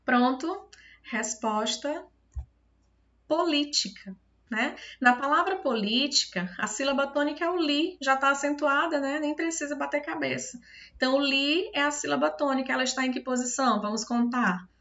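A woman's voice: high voice, moderate pace, fairly bright tone, lo-fi sound. A woman with a Brazilian accent giving a recorded video lesson as a teacher. She explains step by step, patiently, and keeps checking whether her students understand. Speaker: Portuguese teacher.

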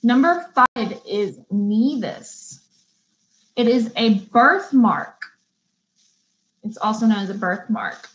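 Young woman, beauty school instructor, fairly high voice, slow careful reading, chatty asides. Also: lively intonation, fairly bright tone, rough recording. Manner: chatty, laughs easily, stumbles and restarts; reads definitions slowly, then chats. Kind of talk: live online vocabulary lesson.

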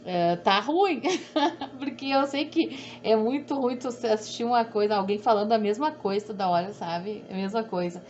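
Chatting through a sewing tutorial, this middle-aged woman with a southern Brazilian Portuguese accent rambles and repeats herself, often joking at her own expense. She speaks at normal speed with few pauses, in a medium-pitched, darkish voice, over dull audio with a faint hum.

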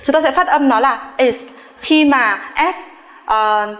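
A woman English teacher giving a recorded pronunciation lesson, speaking slowly and carefully and repeating each example word for drill. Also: high-pitched, fairly bright tone. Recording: echoey room with long reverb.

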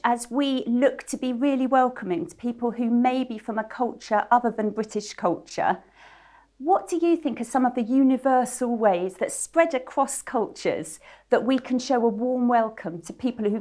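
A middle-aged woman interviewing a church member, asking questions and affirming the answers, on a lapel mic in a small studio. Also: fairly high pitch. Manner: encouraging, affirming. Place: small indoor studio set.

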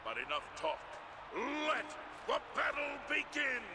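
An actor playing a grandiose arena announcer in a fantasy fighting game, projecting theatrical, drawn-out proclamations. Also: male voice, extremely high pitch, big pitch swings, heavily acted. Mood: grandiose, rousing. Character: grand, bombastic male arena announcer hyping gladiator fights. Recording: loud game ambience and noise behind.

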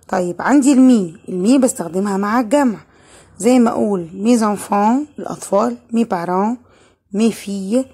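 Egyptian woman teacher, fairly high husky voice, patient explainer. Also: darkish tone. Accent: Egyptian Arabic. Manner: patient, asks and answers her own questions. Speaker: French teacher. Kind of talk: online lesson explaining grammar.

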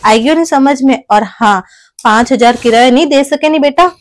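A woman voices a sharp-tongued older mother in a Rajasthani comedy skit. Her voice sits high, and her Marwari accent is plain. She lectures in a scolding way and keeps pressing with tag questions. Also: normal speed, dry recording, close to an everyday voice. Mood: defiant. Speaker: skit actor.

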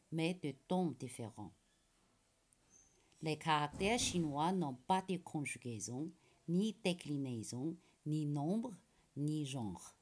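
A middle-aged woman from China, a Mandarin teacher whose first language is Chinese, giving a careful, slow presentation to parents in a small room. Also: low-pitched, darkish tone, rough recording. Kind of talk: recorded school presentation.

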